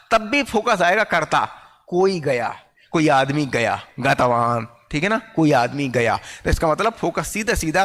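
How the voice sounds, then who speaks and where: A male teacher giving an online grammar lecture, explaining patiently, often checking whether students follow and slowing down to dictate example sentences. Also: sits high, bright, forceful tone, long reverb tail.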